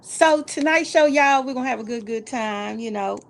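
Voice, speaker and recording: A woman hosting a casual talk show, chatting in an animated, folksy way and repeating words for emphasis. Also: a little high, normal speed, vocal fry, slight background noise. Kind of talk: casual live call-in style chat.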